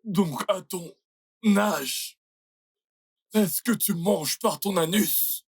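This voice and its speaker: A stubborn old village father who scolds and shouts in a husky voice, voiced by a dub actor. He is a dubbed film figure. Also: medium pitch, extremely slow. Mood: angry.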